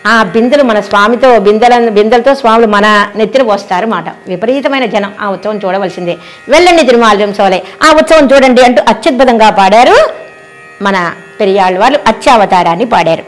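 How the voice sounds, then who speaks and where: Female devotional speaker, somewhat high voice, storytelling manner with fond exclamations; faint classical music behind. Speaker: religious discourse speaker. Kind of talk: devotional discourse.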